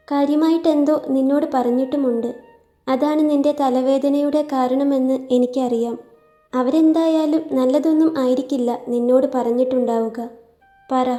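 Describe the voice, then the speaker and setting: A woman reading the lines of a troubled young husband who coaxes his wife with soft, insistent questions. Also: high-pitched, steady tone, moderate pace, echoey room, faint music behind, close to an everyday voice. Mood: gently pressing.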